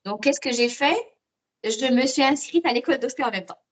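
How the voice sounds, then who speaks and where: Telling her own story as a podcast guest, an osteopath and student from Morocco talks casually, a little fast and in a high-pitched voice, repeating words as she thinks.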